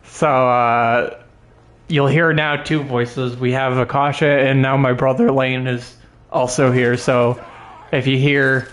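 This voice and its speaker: A man's voice: medium pitch, little pitch movement, slow, fairly bright tone. Chatty male game streamer. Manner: chatty, rambling, swears at the game. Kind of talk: casual live-stream commentary.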